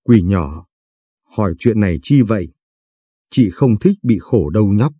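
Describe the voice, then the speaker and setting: Man doing a shy young woman, flustered and scolding, dark husky read, storybook. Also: fairly low pitch, lively intonation, a little slow, dry recording, studio quality.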